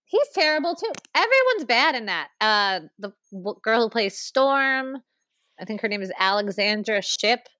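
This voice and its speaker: A woman co-hosting a podcast in casual chat, animated and ranting, with quick asides and laughs. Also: fairly high pitch, no echo, studio quality. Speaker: podcast co-host.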